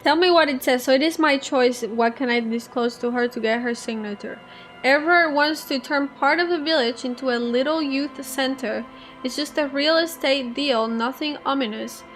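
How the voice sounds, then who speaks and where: Woman gamer, high voice, casual playthrough commentary, reads choices aloud, faint music behind. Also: moderate pace, fairly bright tone. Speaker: video game player and commentator.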